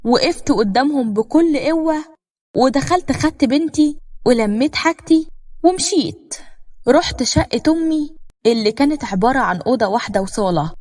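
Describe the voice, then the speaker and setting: A woman's voice: high-pitched, expressive, moderate pace, a little mellow. A woman with an Egyptian Arabic accent narrating a scripted first-person story in an emotional, dramatic way.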